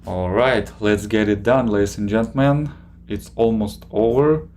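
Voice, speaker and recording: A man casually chatting on a live stream, reading out viewer questions and reacting, with halting pauses. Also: fairly low pitch, a little mellow. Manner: slow, halting, many filler pauses.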